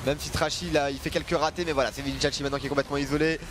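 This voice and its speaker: A man casts live esports, giving excited play-by-play and analysis while music runs under his voice. His voice is a little high and very fast with a flat delivery, yet he speaks emphatically, often repeating phrases for effect. Background noise can be heard.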